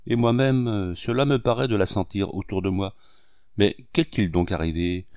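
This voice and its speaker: A man's voice: lowish voice, fairly even intonation, moderate pace, darkish tone, no echo, close to an everyday voice. A man reading aloud and voicing a polite, welcoming middle-aged male painter.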